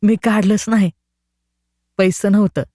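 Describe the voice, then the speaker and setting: A man's voice: sits high, fairly even intonation, unhurried, mellow, dry recording, studio quality, voice pushed up. A man voicing a naive, stammering village boy who speaks in rustic dialect. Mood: naive, pleading.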